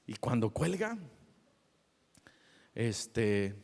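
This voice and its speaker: A man's voice: mid-range voice, extremely slow, gravelly, long reverb tail. A man preaching a sermon as a pastor, telling stories and acting out the people in them. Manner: animated storyteller, acts out the people in his stories.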